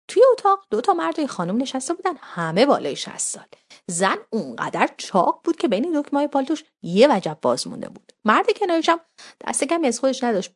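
A woman's voice: fairly high pitch, a little mellow. A woman narrating a first-person story in casual spoken language, wry and conversational.

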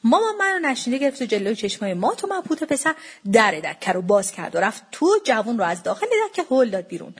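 A woman reading a comic first-person story aloud in an animated way. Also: a little high, husky.

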